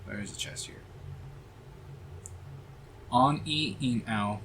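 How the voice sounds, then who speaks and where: A man's voice: medium pitch, very slow, a bit bright, slight background noise. A man streaming a video game, chatting casually with viewers and swearing freely at enemies. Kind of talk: casual live-stream chat while playing. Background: game music.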